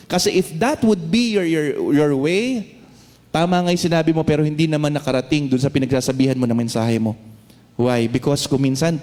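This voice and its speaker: A man with a Filipino accent preaching a sermon, switching between English and Tagalog, reading Bible verses slowly and often checking in with "no?". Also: on the high side, darkish tone. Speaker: pastor. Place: church hall. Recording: long hall reverb.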